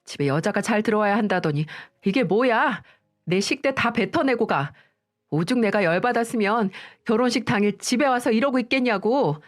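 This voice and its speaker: A woman doing a yelling young sister-in-law. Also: a little high, expressive, moderate pace, lightly acted. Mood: furious. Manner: yelling, huffy. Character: furious young sister-in-law, spoiled and loud.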